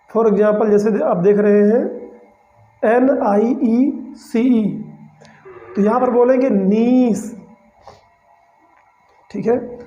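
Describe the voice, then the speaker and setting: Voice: medium pitch, dark tone. A teacher giving a pronunciation lesson, breaking words into single sounds, repeating them, and often checking in with the class. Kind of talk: spoken pronunciation lesson in Hindi. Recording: roomy, slightly dull lo-fi recording.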